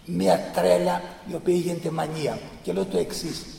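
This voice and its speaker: A man's voice: sits high, little pitch movement, gravelly, mellow, a little hiss or hum. A man giving a fervent public lecture, speaking emphatically and piling up repeated phrases. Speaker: speaker giving a talk on church tradition. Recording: echoey hall from far off.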